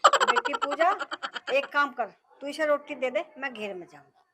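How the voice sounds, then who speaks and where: A woman's voice: high voice, very animated, moderate pace, heavy background noise. An actress playing a nagging village mother-in-law with a Haryanvi accent, scolding her son.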